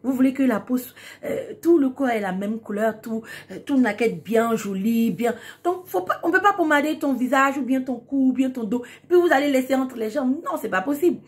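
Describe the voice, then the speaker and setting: A woman's voice: sits high, expressive, normal speed. Woman, casual tutorial host, emphatic, repetitive phrasing for stress. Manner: emphatic, repeats words for stress. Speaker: beauty tips host.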